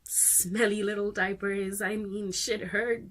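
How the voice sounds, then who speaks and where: A woman playing a breathy, halting young mother. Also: mid-range voice, level tone, a bit bright. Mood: tender, wistful. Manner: halting, with repeated restarts. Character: young mother recounting her baby's death. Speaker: monologue actor. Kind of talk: dramatic monologue.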